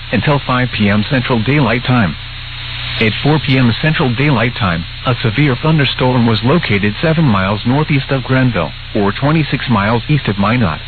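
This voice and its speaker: A man reading an automated emergency weather warning in a flat, even monotone, played over a PA-like broadcast speaker. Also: medium pitch. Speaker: emergency alert announcer. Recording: tinny phone-like broadcast with noise.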